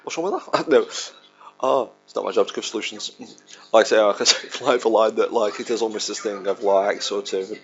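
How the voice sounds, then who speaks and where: A man's voice: on the low side, fairly even intonation, fairly quick, a bit bright. A man in his thirties hosting a casual fan commentary, chatty and rambling as he talks over a film. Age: 30s. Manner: rambling and chatty, laughs along. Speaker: podcast host. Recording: dull lo-fi recording with faint film soundtrack.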